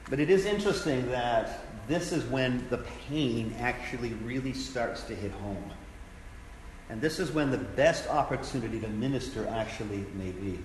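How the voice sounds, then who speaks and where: A man's voice: medium pitch, animated, moderate pace. A man, a pastor, teaching a sermon in an earnest, conversational way, repeating his key phrases. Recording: echoey hall with faint background noise.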